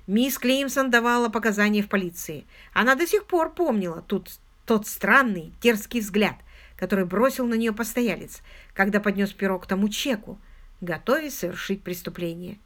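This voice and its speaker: A woman narrating an audiobook in an expressive, scripted reading style. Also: medium pitch.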